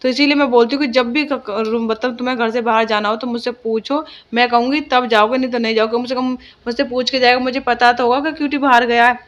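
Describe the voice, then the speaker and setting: A woman's voice: a little high, steady tone, quick pace, few pauses, muffled recording. A young woman talking casually in her home vlog about her children and the day's chores. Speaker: vlogger.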